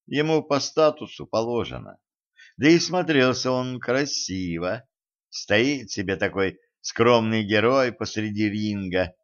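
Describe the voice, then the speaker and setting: A man reading a novel aloud as an audiobook narrator, with steady, even storytelling. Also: fairly low pitch. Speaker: audiobook reader. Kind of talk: scripted narration. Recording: dull lo-fi recording.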